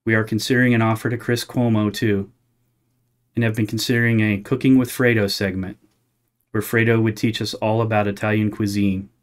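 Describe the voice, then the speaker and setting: A man with a fairly low voice plays a parody news anchor. He reads scripted satirical items in the form of a straight news bulletin. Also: level tone, fairly quick.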